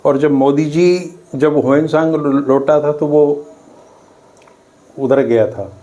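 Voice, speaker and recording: A middle-aged man from Uttar Pradesh, a guest in a political discussion, speaking in a measured, dryly ironic way and often clearing his throat. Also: a little high, fairly even intonation, mellow, highs cut off. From Uttar Pradesh, India. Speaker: guest commentator.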